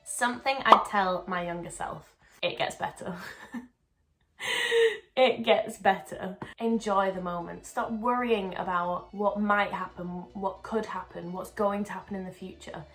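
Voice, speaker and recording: A woman's voice: mid-range voice, fairly even intonation, a little slow, fairly bright tone, rough recording. A young woman, a dancer and choreographer answering viewer questions in a chatty, upbeat vlog and laughing often. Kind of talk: casual Q&A vlog.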